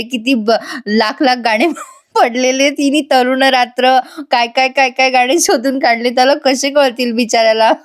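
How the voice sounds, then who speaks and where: A woman giving a casual voice-over review of a TV serial, chatting to viewers and often breaking into giggles. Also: a little high. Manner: giggly, keeps breaking into laughter; chatty, addresses viewers directly.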